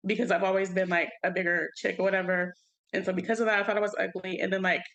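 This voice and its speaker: A young woman co-hosting a podcast, talking candidly in relaxed slangy chat and laughing often. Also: medium pitch, quick pace, dull audio. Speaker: podcast co-host. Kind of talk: casual chat.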